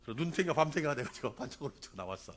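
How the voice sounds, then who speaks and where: A man's voice: medium pitch, lively intonation, very fast. A man in his sixties preaching a revival sermon as a pastor, calling for responses from the congregation and telling a fable along the way. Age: 60s.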